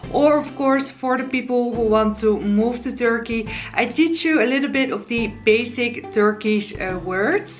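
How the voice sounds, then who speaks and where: A Dutch woman in her twenties, a YouTuber teaching words, gives a casual vlog lesson from the sofa in her living room, seated facing the camera in front of her. Her fairly high voice and Dutch accent come across chatty and friendly, and she slows down to spell new words. Soft music plays faintly behind her.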